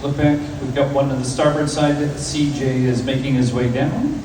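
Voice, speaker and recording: A man's voice: level tone, normal speed. An upbeat man hosting an audience question session as cruise director, projecting like an announcer. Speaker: event host, cruise director. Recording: roomy echoing hall, distant, faint rumbling noise.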